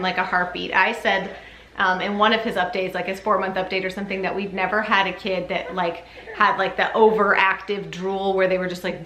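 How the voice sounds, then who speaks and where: A mother gives a casual, chatty vlog update to camera in a mid-range, slightly bright voice, sometimes drifting into sing-song baby talk. She's in a room at home with a ceiling fan, and the recording has a roomy echo and faint background noise.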